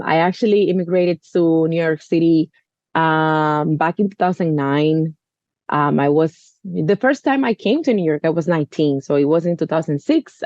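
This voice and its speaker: A woman's voice: sits low, darkish tone, no room sound, dull audio. Earnest woman from the Dominican Republic. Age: 30s. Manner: earnest, earnest, with frequent "you know" fillers. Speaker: guest. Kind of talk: conversational interview.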